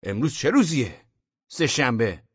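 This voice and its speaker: A man voicing a brash, cheating man who loudly and indignantly defends himself, in a storybook reading. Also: sing-song, breathy edge, no room sound, dull audio. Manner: loud, indignant, high-strung.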